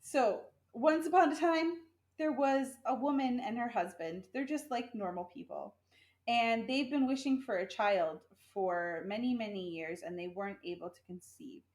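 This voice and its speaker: A woman's voice: on the high side, moderate pace, darkish tone, reverberant. A pregnant woman co-hosting a podcast, casually retelling a fairy tale in a chatty, giggly way and correcting herself as she goes. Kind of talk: casual chat.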